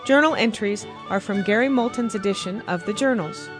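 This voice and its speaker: A woman's voice: mid-range voice, a little fast. A woman announcing the scripted title and credits of a radio series. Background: fiddle music.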